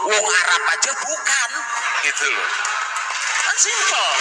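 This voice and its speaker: A man giving an animated seminar talk and slipping into regional speech to act out quotes. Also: sits high, a little hiss or hum. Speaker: seminar speaker. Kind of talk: lecture with acted anecdotes. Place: university seminar hall. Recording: echoey hall with long reverb.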